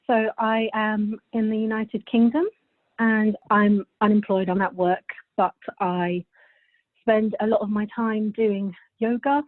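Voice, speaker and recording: A woman's voice: medium pitch, no echo. Woman on a thin phone-like line. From Bulgaria. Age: 30s. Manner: chatty, laughs often, loose rambling answers. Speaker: podcast guest. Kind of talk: casual interview answers.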